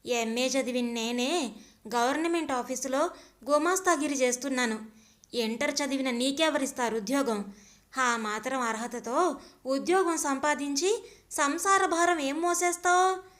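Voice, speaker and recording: A woman's voice: high voice, measured pace, fairly bright tone. Ravi, a woman doing a sneering husband. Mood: mocking. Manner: sneering, scolding. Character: scornful husband, a clerk, mocking his wife.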